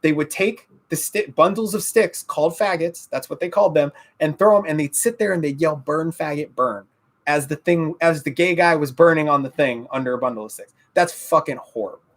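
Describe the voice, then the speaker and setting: Dude on a podcast, cusses a lot, gets worked up, laughs a bunch. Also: male voice, on the high side, fairly quick, hardly any pauses. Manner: animated, profane, laughs often. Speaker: podcast co-host. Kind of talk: casual chat.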